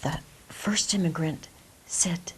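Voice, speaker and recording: A woman telling a folk tale expressively, with dramatic, deliberate phrasing. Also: fairly low pitch, fairly even intonation, in a whisper. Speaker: storyteller. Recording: clear background hiss.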